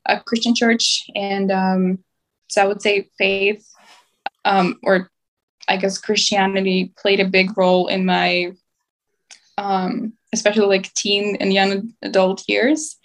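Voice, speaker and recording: A young woman from Ukraine talking as a podcast guest. Her delivery is reflective and unhurried, full of small pauses and fillers. Her voice sits at an ordinary middle pitch. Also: level tone. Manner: thoughtful, halting with fillers. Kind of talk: conversational interview.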